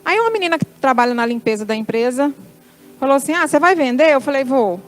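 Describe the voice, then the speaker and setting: A woman's voice: high-pitched, expressive, quick pace, poor audio. A middle-aged woman with a Brazilian Portuguese accent giving a church testimony, telling a story and acting out the dialogue in quoted lines.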